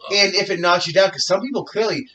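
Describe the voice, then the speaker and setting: A man's voice: high-pitched, fast, far from the mic, crowd noise. A man hosting a podcast in casual chat, rambling and swearing with lots of fillers. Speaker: podcast host.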